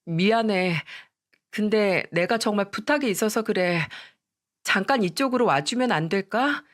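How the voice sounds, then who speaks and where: A woman's voice: mid-range voice, expressive, moderate pace, lightly acted. A woman voicing a tearful ex-wife who pleads and begs, in a story radio reading. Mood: pleading. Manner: crying, begging.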